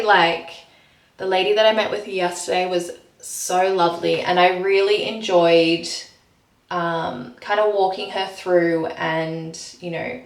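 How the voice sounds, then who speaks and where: A woman's voice: lowish voice, roomy sound, distant mic. A woman in her thirties talks unhurriedly to the camera, filling her sentences with ums and likes. She is in her bathroom, and the sound bounces around the room. She sits a little back from the mic. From Australia. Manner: chatty, many ums and likes. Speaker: vlogger. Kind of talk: casual vlog chat. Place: home bathroom.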